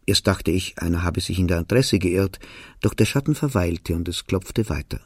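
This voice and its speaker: A man reading a novel aloud for radio, telling the story quietly and evenly in the first person. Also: low voice, animated, normal speed, husky, no room sound, clean studio sound. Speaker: narrator. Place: radio studio.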